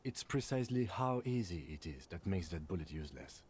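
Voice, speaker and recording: A man voicing a calm, reserved police lieutenant in a video game, speaking in a dry, precise, deadpan way. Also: low-pitched, brisk, a little hiss or hum. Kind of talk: game voice acting.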